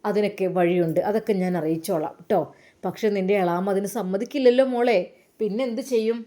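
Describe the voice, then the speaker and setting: A woman's voice: mid-range voice, a little fast, natural voice. A woman voicing a kindly, motherly older woman who coaxes and reassures. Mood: coaxing. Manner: warm coaxing, repeats endearments.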